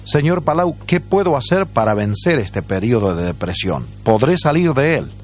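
A man's voice: mid-range voice, big pitch swings, moderate pace, darkish tone, a little hiss or hum. A man in his thirties reading out a plaintive, troubled listener letter on a radio program. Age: 30s. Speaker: letter writer.

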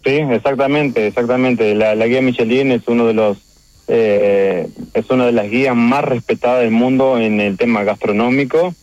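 A middle-aged man with a Uruguayan accent, a chef talking about his restaurant's award in a phone interview, halting and emotional, with many restarts. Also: mid-range voice, fairly even intonation, a little mellow, no room sound. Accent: Uruguayan Spanish. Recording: dull phone line.

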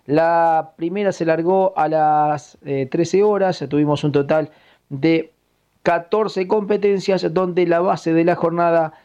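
A man with a Uruguayan accent giving a formal, measured report of horse racing results as a radio correspondent. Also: on the high side, fairly even intonation, darkish tone, clean tone, dull audio.

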